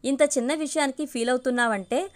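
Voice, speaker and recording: A woman reading the lines of a middle-aged mother who soothes her daughter while gently needling her husband. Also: high voice, quick pace, natural voice. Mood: wry.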